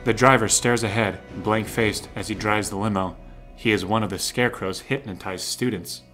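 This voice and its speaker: With faint music in the background, a man whose voice sits fairly low reads drama narration from a script, telling the action in present tense. He keeps a steady tone at a normal pace, sounding a little bright.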